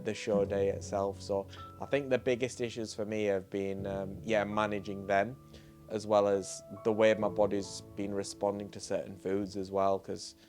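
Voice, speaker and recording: A young man vlogging in a relaxed, chatty way, filling his sentences with ums and restarts. His voice sits fairly low. Music plays clearly behind him. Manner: laid-back, chatty, many fillers and restarts. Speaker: bodybuilding vlogger and posing coach. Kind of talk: casual vlog talk.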